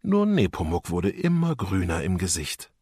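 Husky, expressive storybook narrator man. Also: deep voice, moderate pace, no room sound, studio quality. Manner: lively voicing of characters. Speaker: audiobook narrator.

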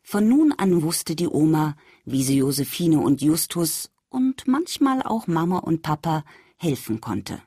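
A woman reading a children's story aloud, speaking gently and addressing the young listener directly. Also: low-pitched, big pitch swings, a little slow, few pauses, husky, dry recording, clean studio sound.

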